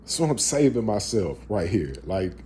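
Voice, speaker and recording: Slow, soft-spoken man telling an emotional story. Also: on the low side, very animated, slight background noise. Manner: hushed, drops to near whispers, casual and profane. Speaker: vlogger sharing a personal story.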